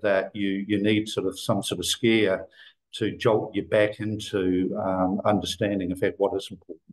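An older man from New Zealand, speaking with a lowish voice as a guest on a video call. He rambles in an easy conversational way, full of fillers, restarts and small detours. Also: poor audio. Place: office room indoors.

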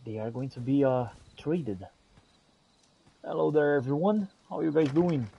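A man with a fairly high, creaky, mellow voice and a breathy edge talks at a moderate pace over lo-fi audio. He's a gameplay streamer role-playing aloud in a fantasy game, blending archaic theatrical phrasing with casual asides as in-character commentary.

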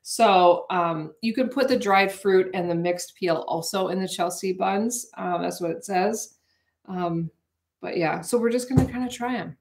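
A woman's voice: mid-range voice, a little slow. A woman in her forties, chatting in a rambling, casual way with viewers while baking live in her home kitchen, picked up by a camera on the counter. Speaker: vlogger hosting a live cooking stream.

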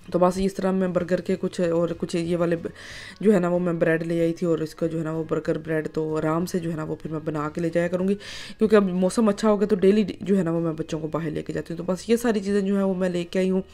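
Lady in her 30s vlogging chores, rambly filler-heavy chat, a bit low. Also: flat delivery, fast, dark tone, soft background music. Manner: chatty, many filler phrases. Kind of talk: casual vlog narration.

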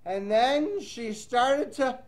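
Reading a children's storybook in a playful sing-song, this man has a very high voice and a slow pace, and the recording is very noisy. He breaks off for chatty asides to his young audience.

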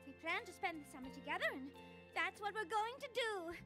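A refined, theatrical young fashion lover speaks in a very high, genteel voice. Her pitch rises and falls with drama. Loud music plays beneath. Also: expressive, brisk. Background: background music.

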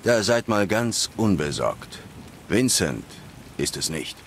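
A laconic, gruff monster hunter from a fantasy game. The voice is very deep and full of gravel, delivered dry and deadpan. Faint rain is heard behind it. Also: male voice, slow pace, a little hiss or hum, heavily acted. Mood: stoic, dry. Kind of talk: scripted video game dialogue in German dub.

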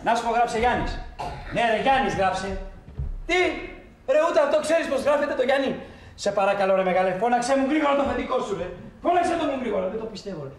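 Pushy undertaker, slangy and blunt, high voice, echoey room. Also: male voice, expressive. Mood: hustling. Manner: slangy, blunt, shouting down a bad line. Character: brash pushy male undertaker hustling for business. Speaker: undertaker on a phone call. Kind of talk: film comedy acting.

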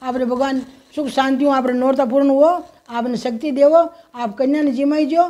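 High-voiced Rajasthani woman teaching home rituals. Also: steady tone, mellow, highs cut off. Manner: folksy, motherly, addresses viewers as children; slow, sing-song chanting of mantras. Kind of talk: instructional talk with mantra chanting.

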